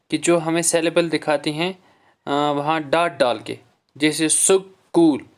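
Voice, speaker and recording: A male English teacher giving a classroom lesson on syllables. He reads each English line slowly, explains it in Hindi, calls his students dear children and clears his throat often. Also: fairly high pitch.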